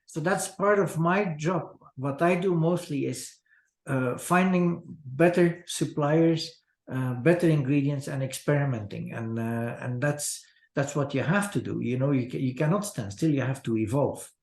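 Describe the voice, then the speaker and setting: Older gravelly man on a video call. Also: a little high, darkish tone, echoey room. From Belgium. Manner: halting, many fillers and restarts. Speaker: chocolatier guest. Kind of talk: casual interview over video call. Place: office with large window. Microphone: video call webcam.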